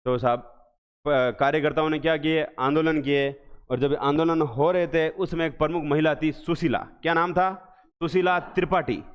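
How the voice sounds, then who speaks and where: A man teaching an exam revision class, asking questions again and again and answering them slowly and with emphasis. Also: on the high side, fairly even intonation, clean tone. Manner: drills students with repeated questions, slow emphatic answers. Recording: echoey hall, dull lo-fi sound.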